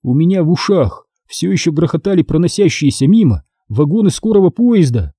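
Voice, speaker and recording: A man reading an audiobook aloud in a dramatic, expressive storytelling manner. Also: on the high side, brisk, husky, no echo, clean studio sound. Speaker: audiobook reader.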